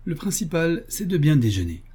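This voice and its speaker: A man's voice: fairly high pitch, very animated, moderate pace, dark tone, slightly rough, voice pushed up. A man reading aloud voices a rude, quarrelsome young man in the story. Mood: brusque.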